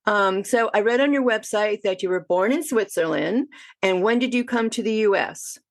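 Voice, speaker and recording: A woman hosting an interview, friendly and encouraging with many quick reactions. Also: medium pitch, expressive, dry recording, clean studio sound. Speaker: podcast host. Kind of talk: casual interview chat.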